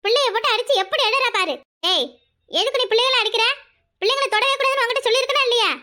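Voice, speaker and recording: A fierce, protective cartoon mother, played by a woman, scolding in a very high, bright voice. She snaps her lines. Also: quick pace. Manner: sharp scolding.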